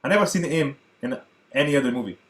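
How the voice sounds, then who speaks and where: Excitable Portuguese man reacting to films. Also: medium pitch, quick pace. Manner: chatty, excitable, addresses viewers as guys. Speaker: movie reaction host. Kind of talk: casual reaction commentary.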